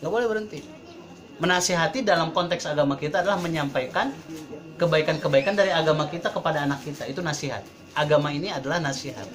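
A man's voice: fairly high pitch, fairly bright tone. A man in his thirties, a parenting trainer, giving a casual talk to a live audience in a chatty way and acting out quoted parents. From Indonesia. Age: 30s. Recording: crowd heard around the speaker. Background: audience murmurs and laughs.

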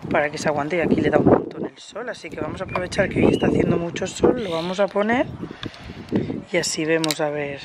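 A woman's voice: sits low, heavy background noise. A woman vlogger chatting casually as she walks around her house and garden, explaining the plans. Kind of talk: casual home tour vlog. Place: outdoors in a garden and terrace.

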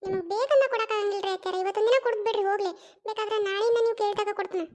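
A pestering young daughter-in-law in a cartoon comedy skit, voiced by one performer who plays both parts. She pleads over and over in a North Karnataka Kannada accent. Her voice is tiny and high and rattles along fast. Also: fairly even intonation, darkish tone. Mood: coaxing. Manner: coaxing and insistent, repeats pleas.

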